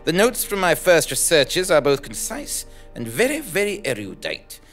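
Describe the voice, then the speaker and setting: On a small theatre stage during a live show, a man narrates a podcast parody as its lead actor, playing an earnest, self-important investigative journalist in a full character voice. His delivery is pompous, dramatic and grandly earnest, with a fairly high, slightly bright voice, huge pitch swings and normal speed, while faint music plays behind him.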